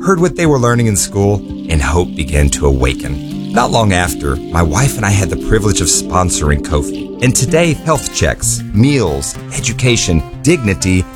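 Man, deep voice, earnest charity appeal, lively melody, guitar music behind. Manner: earnest, measured. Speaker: mission spokesman. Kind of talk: scripted radio appeal. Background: soft guitar music.

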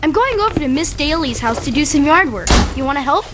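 An earnest young boy in an audio drama. The voice is high and lively, with a dutiful, hardworking sincerity. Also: fast talker, background noise. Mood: upbeat, sincere.

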